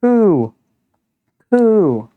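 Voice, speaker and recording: A man's voice: sits high, very animated, extremely slow, smooth, no echo, narrow, tinny audio, voice pushed up, exaggerated voice. A man voicing an odd male pigeon student who coos and calls himself by name, reading a visual novel aloud. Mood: odd, chirpy. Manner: cooing, refers to himself in third person.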